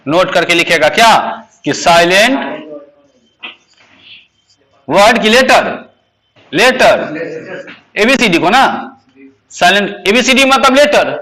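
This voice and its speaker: Man, teacher, classroom lecture, quizzing students, repetitive drilling, high-pitched, bright tone. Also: expressive, a little slow. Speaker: English teacher.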